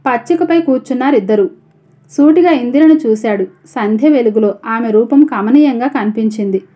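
A woman narrating a story in a steady, even reading voice. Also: on the high side. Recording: dull lo-fi audio.

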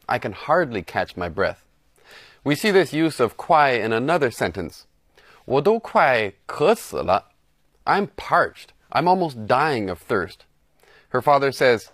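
A man narrating a scripted language lesson, explaining phrases clearly and shifting between two languages. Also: medium pitch, fairly bright tone, dry recording, clean studio sound. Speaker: language teacher host.

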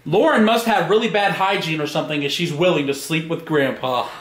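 A man's voice: fairly high pitch, a little fast, noisy background. A man hosting casual banter, teasing and jokey as he reads comments aloud in a room at home. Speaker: video host reading out hate comments. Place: indoors in a home dining room. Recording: roomy, echoey home room.

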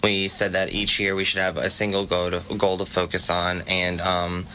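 A man's voice: low voice, monotone, moderate pace, noisy background. A young man, a student club guest on campus radio, explaining things hesitantly with many ums. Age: young adult. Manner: hesitant, frequent "um". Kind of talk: casual radio interview.

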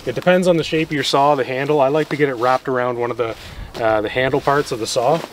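Outdoors in snow beside a vehicle, a young man demonstrates gear he makes, keeping things casual and practical while pausing and picking back up mid-task. His voice is mid-range, recorded from a few steps away on a camera mic that catches ambient noise.

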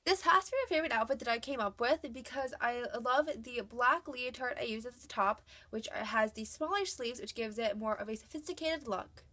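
A woman's voice: on the high side, a little fast, hardly any pauses, sharp tone. A young woman with a cold, narrating a chatty, upbeat voice-over as she shows her dolls' outfits. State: has a cold. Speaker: doll collector vlogger. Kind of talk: scripted voice-over showing doll outfits.

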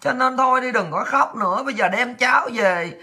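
A woman with a Southern Vietnamese accent mimicking a female party official who consoles a grieving mother in a soft, slow, mock-sympathetic voice. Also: on the high side, breathy edge. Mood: mock soothing.

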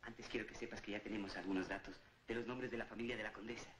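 An actor playing an earnest doctor, formal and urgent, in an old gothic horror film. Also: male voice, fairly low pitch, fairly even intonation, quick pace, a bit bright, natural voice. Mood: impatient, secretive. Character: earnest, reassuring doctor investigating a vampire count. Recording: echoey, noisy old film soundtrack.

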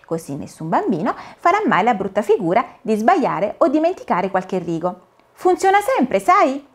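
A woman's voice: fairly high pitch, very animated, moderate pace. A woman voicing a polite, earnest little male caterpillar who speaks in a solemn, careful storybook manner.

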